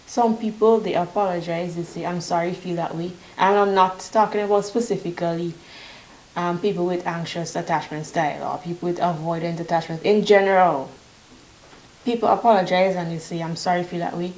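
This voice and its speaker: Woman giving relationship advice, kinda low voice, teacher-y, keeps saying "right?", echoey room. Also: fairly even intonation, a little fast, a little mellow. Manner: instructive, repeats example phrases with emphasis, frequent "right?" tag questions. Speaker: relationship advice channel host. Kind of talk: solo advice talk to camera.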